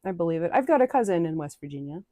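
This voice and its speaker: Woman, from New England, lowish voice, casual live chat, rambling with fillers, dry sound. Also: sing-song, racing, warm tone, no room sound. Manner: chatty and rambling, with frequent fillers and restarts. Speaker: streamer chatting with viewers.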